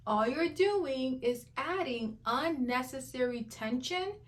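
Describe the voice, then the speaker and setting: A woman's voice: high voice, expressive, takes it slowly. A woman hosting skincare reaction commentary, emphatic and incredulous, often breaking into laughter.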